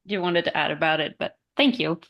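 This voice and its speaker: A woman's voice: low voice, lively intonation, a little fast, highs cut off. A woman in the audience with eczema, asking a hesitant question and searching for her words.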